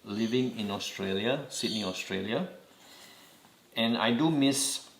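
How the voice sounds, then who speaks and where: A Singaporean man with a Singaporean accent gives a home cooking demonstration, walking through each step slowly and patiently with repeated reminders. His voice is on the low side, and the sound is roomy.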